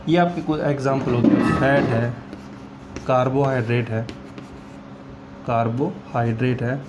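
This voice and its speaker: Against a noisy background, a man with a steady, mid-range voice teaches chemistry at a slow pace. He mixes English phrases into the lesson, keeps repeating key terms, and asks and answers his own questions.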